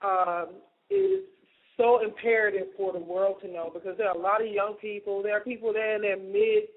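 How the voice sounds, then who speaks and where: A man's voice: high-pitched, animated, moderate pace, narrow, tinny audio. A man hosting a radio show, interviewing in a casual, chatty way.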